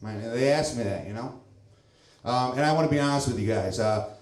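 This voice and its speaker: A man's voice: medium pitch, brisk, a little mellow, roomy sound. A stand-up comedian in his thirties from St. Louis, with a loose, self-mocking delivery and chuckles between lines, on a club stage with a handheld mic. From St. Louis, Missouri, USA. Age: 30s.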